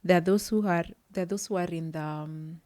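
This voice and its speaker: A woman with a lowish, dark voice speaks a little fast with fairly even intonation, in a recording with no room sound. She's a psychology worker guesting on a podcast, earnestly telling her personal story. She searches for words and frequently restarts her sentences.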